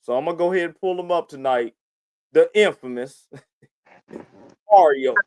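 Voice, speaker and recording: Speaking a little slowly in a mellow, somewhat high voice with no echo, this podcast host keeps things informal and slangy. He often calls the listener "man" and drops "you know what I'm saying" frequently.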